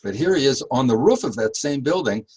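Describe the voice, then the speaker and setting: Husky-voiced man giving a rambling history talk. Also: medium pitch, lively intonation, a little mellow, rough recording. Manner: chatty, halting with many fillers, rises when emphatic. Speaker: tour guide.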